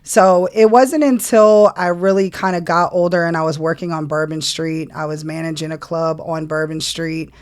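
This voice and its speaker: A music manager in her 40s from New Orleans, USA, is a guest on a casual podcast, telling her story at an easy pace with laughs along the way. Her voice sits low, clear and resonant, at normal speed with few pauses.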